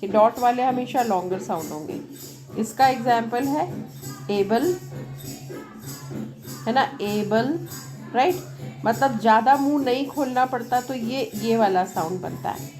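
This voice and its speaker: A woman teaching an English lesson at a board in Hindi mixed with English. She speaks loudly over outside noise and keeps checking that the class follows along. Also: on the high side, expressive, a little slow, long pauses. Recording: loud music and noise from a nearby event behind her. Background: music from a nearby program.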